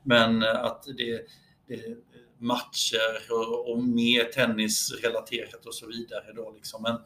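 Male youth coach, halting, filler-heavy delivery, roomy echo on the voice. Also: mid-range voice, completely flat delivery, bright, forceful tone, a little hiss or hum. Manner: hesitant, many fillers and restarts. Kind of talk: conversational podcast talk.

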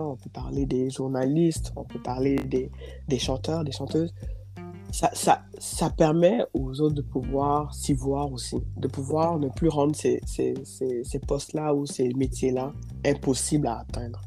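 A woman's voice: very deep voice, fairly even intonation, moderate pace, dark tone, faint music behind. A woman being interviewed, speaking fluently and expressively in a conversational tone, with some repetitions. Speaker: interview guest, community leader.

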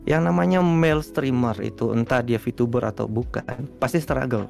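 A man, a guest streamer, chatting casually in an interview, relaxed and rambling with lots of fillers. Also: medium pitch, normal speed, gravelly, faint music behind.

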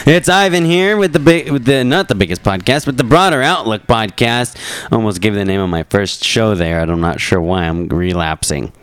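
Man, low voice, dry close sound, joking casual host. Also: animated, normal speed, a bit bright, smooth, dry recording. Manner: joking, rambling, self-correcting. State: coughing. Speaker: podcast host. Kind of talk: casual chat.

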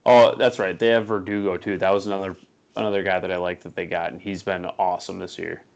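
A man's voice: low-pitched, flat delivery, vocal fry, a little mellow. A man co-hosting a podcast, chatting casually about sports with blunt, opinionated takes. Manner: blunt, opinionated, quick reactions. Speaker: podcast co-host.

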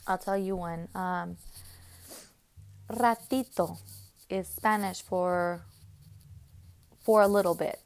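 A woman hosting a casual solo podcast, talking in a chatty, rambling way with many pauses and restarts. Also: mid-range voice, a little mellow. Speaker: podcast host.

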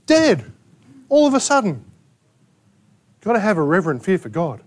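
An Australian man preaching a sermon to his congregation, emphatic and full of rhetorical questions and sharp asides. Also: high voice, big pitch swings, brisk. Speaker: pastor. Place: church gathering in a rented hall.

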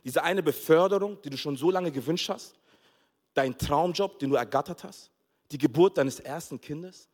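A man preaching a sermon as pastor, telling a funny family story with lively acted-out dialogue and frequent laughter. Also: fairly high pitch, normal speed. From Togo. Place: church hall. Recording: long hall reverb.

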